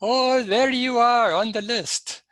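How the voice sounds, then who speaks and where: A man voicing an excitable male airline clerk in a retold story, apologetic and then eager. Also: a little high, slow pace, dry recording.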